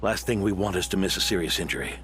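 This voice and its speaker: A man's voice: low-pitched, fast talker, fairly bright tone, slight background noise. A man voicing an aging, caring knight in a video game, weary and strained as if nursing sore muscles. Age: middle-aged.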